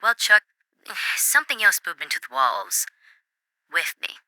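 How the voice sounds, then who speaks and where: A woman playing an eerily serene wall-dwelling caller in an ASMR role-play, with a nervous, hushed, confessional manner on a comedy radio show. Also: fairly low pitch, wildly swooping pitch, measured pace, no room sound, full character voice, poor audio. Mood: uneasy, hushed. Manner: nervous, hushed soft-spoken like a late-night confession. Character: creepy, serene woman living inside house walls.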